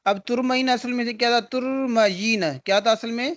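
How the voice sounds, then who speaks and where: High-voiced man teaching grammar. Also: steady tone, fairly bright tone. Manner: explains step by step, asks and answers his own questions. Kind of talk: online grammar lesson. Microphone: video call.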